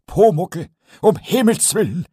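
A man's voice: high voice, animated, a little slow, mellow, slightly rough, no room sound, clean studio sound, voice pushed up, exaggerated voice. A man voicing an exasperated, patient older master carpenter in a storybook reading, who pleads and scolds.

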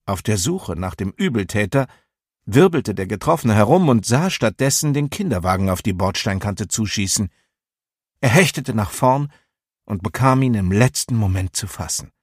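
A man narrates a story in measured, even tones and lifts his voice for the tense moments. His voice has a slightly husky grain, and the recording is close and dry with no room sound. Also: lowish voice, dry recording. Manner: calm, measured storytelling with raised dramatic moments. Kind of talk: audiobook narration.

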